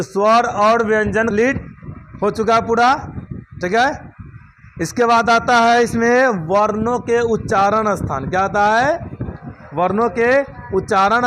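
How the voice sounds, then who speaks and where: A man's voice: high-pitched, fairly bright tone, slight background noise. A man teaching a grammar lesson, repeating each point and asking check questions like "understood?" before answering them himself.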